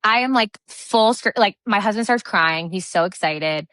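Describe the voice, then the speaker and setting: A woman in her thirties, a podcast guest telling a personal story in a lively, chatty way, often saying "like". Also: mid-range voice, moderate pace, dry recording. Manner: animated, lively storyteller who acts out quoted dialogue, many fillers like "like". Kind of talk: casual storytelling interview.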